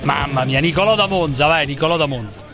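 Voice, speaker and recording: Radio host dude talking fast and brash, hurrying callers, music under him. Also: male voice, fairly high pitch, expressive. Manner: brash, rapid, urges callers on. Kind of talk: call-in radio talk show.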